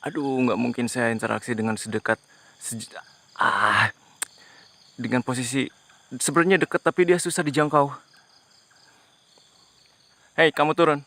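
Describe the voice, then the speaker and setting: A man's voice: mid-range voice, moderate pace, long pauses. Tense man hosting a ghost hunt. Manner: tense, hushed, talks to viewers as he explores. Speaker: paranormal investigator host. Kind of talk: ghost-hunting vlog narration.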